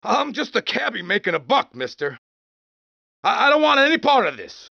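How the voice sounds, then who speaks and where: An actor playing an angry, unhinged, burnt-out city taxi driver in a video game, cursing and exasperated. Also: male voice, very high voice, sing-song, normal speed, creaky, bright, forceful tone, slightly rough, dry recording, heavily acted. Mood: nervous. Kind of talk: video game character barks. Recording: dull, lo-fi game audio.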